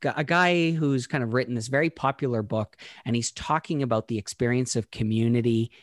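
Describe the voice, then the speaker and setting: A man in a relaxed podcast conversation, thinking out loud about ideas and often pausing to restart his sentences. His voice sits at an ordinary middle pitch. The recording is close and dry, with no room sound. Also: dry recording. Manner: thoughtful, halting, many restarts and fillers. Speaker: podcast co-host. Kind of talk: casual conversational discussion.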